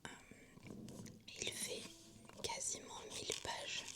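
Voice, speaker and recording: Woman whispering softly in ASMR library hush. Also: slow. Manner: soft, hushed, unvoiced whispering throughout. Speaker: book vlogger presenting a reading list. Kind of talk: ASMR whisper, library-like hushed book presentation.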